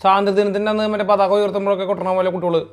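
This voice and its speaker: A woman's voice: medium pitch, level tone, rapid-fire. Chatty woman vlogging her home cooking. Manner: chatty, mixes English into Malayalam. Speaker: family vlogger and home cook. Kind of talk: casual vlog chat and cooking narration. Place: home kitchen and dining area.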